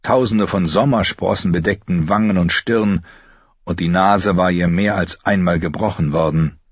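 Male audiobook narrator, low husky voice, measured; dry, dull studio sound. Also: dry recording. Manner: even, measured storytelling. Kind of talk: scripted narration.

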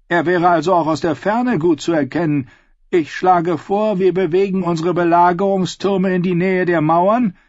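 A man's voice: sits high, no echo, voice pushed up. A man voicing a sneering, scheming young nobleman with a snide, hissing edge. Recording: dull lo-fi recording.

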